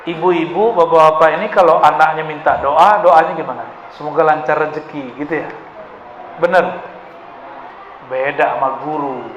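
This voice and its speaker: A man's voice: a little high, moderate pace, pauses often, background noise. A man preaching a Sufi study sermon to a live audience, conversational, quizzing listeners and acting out voices. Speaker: Islamic preacher. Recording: echoey hall with faint ambience.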